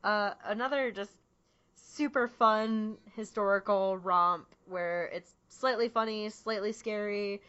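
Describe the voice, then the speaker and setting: A woman's voice: mid-range voice, fairly even intonation, slow, fairly bright tone, clean tone. A woman co-hosting a casual movie podcast, talking animatedly and laughing often. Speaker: podcast co-host. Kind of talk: casual chat about movies. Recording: slightly dull lo-fi audio.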